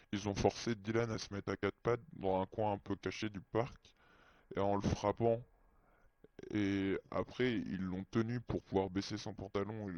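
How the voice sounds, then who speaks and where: A man's voice: on the low side, darkish tone, dry recording. A man whose voice is disguised with a voice changer, telling a personal story in a hesitant, childlike way. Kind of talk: halting first-person storytelling. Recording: dry, muffled lo-fi sound.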